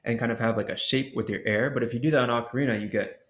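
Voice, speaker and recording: A man presenting an ocarina workshop, explaining technique in a relaxed way and sounding out the syllables as he goes. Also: medium pitch, racing. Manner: casual, explains with demonstration syllables and fillers. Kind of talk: instructional explanation. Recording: roomy echo.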